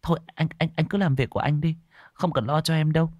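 A man voicing a young woman student, frightened and tearful, speaking in high, breathless, stammering pleas. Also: fairly even intonation, fast talker, a little mellow, no echo, close to an everyday voice. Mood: flustered.

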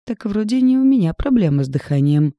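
A hot-tempered young village woman snaps and mocks with a raised, higher voice, as a man reading the audiobook puts her on. A gravelly, dark grain stays under her scolding. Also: expressive, normal speed, no echo, clean studio sound. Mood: angry scolding. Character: fiery, sharp-tongued young village woman.

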